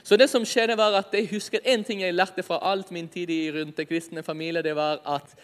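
A man tells his personal faith story with a lively, self-mocking energy, pitched a little high for a man. His voice rings out with a long reverb trailing behind it, as if he were speaking in a church hall. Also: clear, resonant tone. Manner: lively storytelling, often laughing at himself. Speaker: speaker giving a personal testimony.

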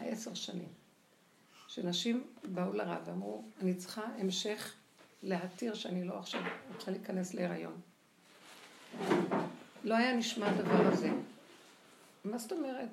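An older woman giving a lively spoken religious lecture, acting out the voices she quotes. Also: mid-range voice, vocal fry. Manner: animated, acts out quoted voices. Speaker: religious teacher. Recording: echoey room with faint noise.

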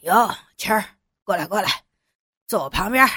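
A woman's voice: medium pitch, animated, moderate pace, bright, forceful tone, breathy edge, no echo, clean studio sound. A woman voicing an older male bureau chief in an audiobook, sly and domineering, turning cold and menacing. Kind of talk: audiobook character voice.

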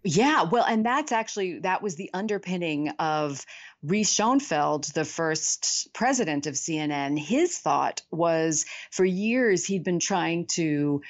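A woman's voice: fairly low pitch, animated, slow pace. A woman author being interviewed, speaking reflectively and candidly with many fillers. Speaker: author guest. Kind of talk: conversational interview. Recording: muffled, lo-fi remote audio.

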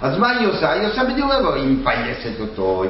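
A man teaching a Bible lesson to a class, talking haltingly with many restarts and fillers. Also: on the high side, wildly swooping pitch, heavy reverb, muffled recording, slight background noise. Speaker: Torah teacher.

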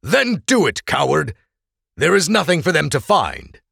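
A man voicing a tense, guarded young man who is quick to anger. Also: fairly high pitch, very animated, gravelly, sharp tone, husky, no echo, clean studio sound, voice pushed up, exaggerated voice. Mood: scornful.

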